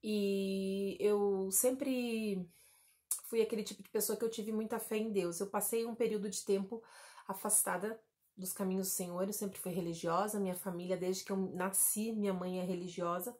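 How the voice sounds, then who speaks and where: A woman's voice: mid-range voice, steady tone, moderate pace, darkish tone. Woman in her 30s from southern Brazil, chatty testimony vlogger who addresses her viewers directly. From Santa Catarina, Brazil. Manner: chatty, addresses viewers as "gente", many fillers like "né" and "tá". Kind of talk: personal testimony vlog.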